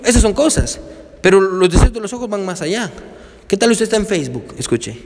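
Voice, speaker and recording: Preacher, high voice, animated, questions the congregation, long church reverb. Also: male voice, brisk. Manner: animated, asks the congregation questions, repeats "hermano" and "amén". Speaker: pastor. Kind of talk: sermon.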